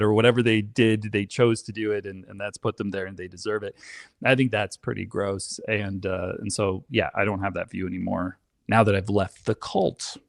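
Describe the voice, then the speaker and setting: A Canadian man appears as a podcast guest, telling personal stories in a casual, conversational way. His fairly low, gravelly voice is animated and emphatic, and he often interrupts his own sentences. The recording is dry, with no room sound.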